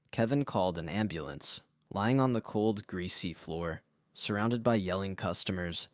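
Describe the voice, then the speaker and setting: A low-pitched man telling his own story in scripted first-person narration. He sounds somber and confessional. The recording is close and dry, with no room sound. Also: no echo.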